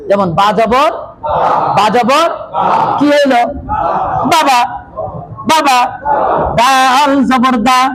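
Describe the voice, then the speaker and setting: A man teaching a class, calling out syllables loudly and chanting them slowly for his students to repeat. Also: very high voice. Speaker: Quran reading teacher. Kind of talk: classroom lesson, drilling letter sounds. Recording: noisy room with crowd of students.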